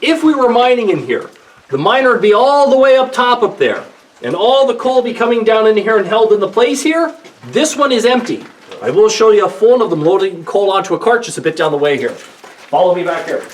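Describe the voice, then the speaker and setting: A man leading a guided tour through an underground coal mine, explaining things step by step in a plain, lively way with gentle jokes. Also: high voice, brisk, distant mic, slight background noise. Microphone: visitor's handheld camera from a few steps away. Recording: echoey mine tunnel, voice from off-mic.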